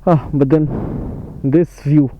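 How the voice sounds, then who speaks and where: A man's voice: a little high, steady tone, takes it slowly. A man with an Indian accent casually narrating his motorcycle trip aloud as a travel vlogger, outdoors on the road. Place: outdoors on a motorcycle on mountain roads. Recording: narrow phone-like sound, faint vehicle noise.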